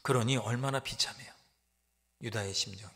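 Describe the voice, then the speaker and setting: A male pastor preaching a sermon, swinging from loud exclamations to hushed, whispered asides. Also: medium pitch, moderate pace, gravelly. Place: church sanctuary. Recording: long church hall reverb.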